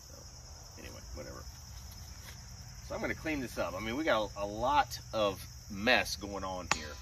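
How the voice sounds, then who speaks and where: Male, low register, speaking from the side of his mouth; casual work vlog, distant noisy outdoor mic. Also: expressive, moderate pace, a bit bright. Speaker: vlogger. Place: outdoor woodyard under pines.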